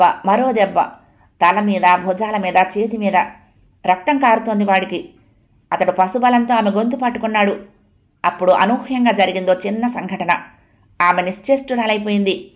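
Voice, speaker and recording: A woman reading a novel aloud as dramatic, expressive audiobook narration. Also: mid-range voice.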